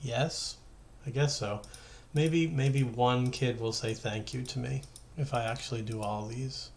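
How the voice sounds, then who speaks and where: This high school math teacher speaks a little slowly in a steady, mid-range voice with some vocal fry. Working through math problems informally, he thinks aloud, checking and correcting his own steps in a conversational way.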